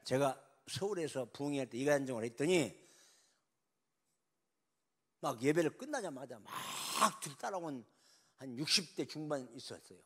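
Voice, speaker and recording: A man preaching at a revival meeting, telling a story dramatically with sudden loud rises and quiet drops. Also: mid-range voice, expressive, moderate pace, long pauses. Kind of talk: sermon storytelling.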